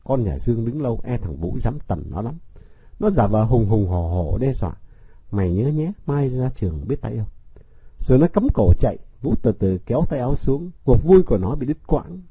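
A man reading a novel aloud as narrator, in an expressive storybook manner. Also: mid-range voice, fairly quick, a little hiss or hum. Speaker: audiobook narrator. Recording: dull, dry lo-fi recording.

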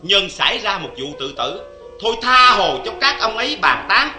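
A bantering husband who teases his wife, speaking with a Southern Vietnamese accent. His voice is high for a man and swings widely in pitch. The sound is roomy and echoey, with music clearly behind him. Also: normal speed, exaggerated voice. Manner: lively, bantering and teasing. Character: joking, teasing husband. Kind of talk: vintage radio drama acting.

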